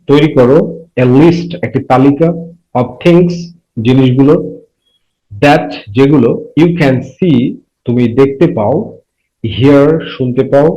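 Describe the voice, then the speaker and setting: A man teaching a primary school English lesson, reading each phrase slowly and translating it line by line. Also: mid-range voice, mellow, low-quality recording. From Bangladesh. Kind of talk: bilingual classroom lesson.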